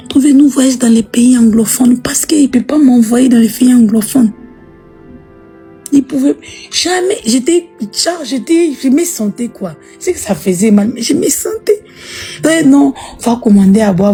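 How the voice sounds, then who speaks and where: A woman's voice: on the high side, warm tone, breathy edge. A woman with a Congolese French accent chatting playfully to followers on a live stream, teasing and repeating words. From Democratic Republic of the Congo. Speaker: livestream host. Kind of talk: casual live chat with followers.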